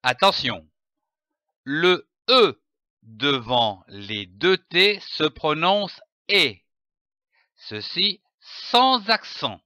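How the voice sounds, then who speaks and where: A man teaching a recorded phonics lesson as a reading teacher, spelling out letters and syllables slowly and deliberately. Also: fairly high pitch, sing-song, bright, forceful tone, no room sound, studio quality.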